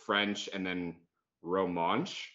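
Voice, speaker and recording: Speaking slowly in a low, steady, bright and forceful voice, a man from the United States in his thirties is interviewed as a podcast guest over a video call. He's laid-back and keeps saying "like," and the audio is muffled.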